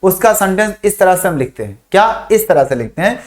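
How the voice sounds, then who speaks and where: A man teaching a chemistry lesson, repeating memory phrases slowly for students to write down and asking and answering his own questions. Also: sits high, very animated. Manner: drills mnemonics, repeats phrases slowly for dictation. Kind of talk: online classroom lesson.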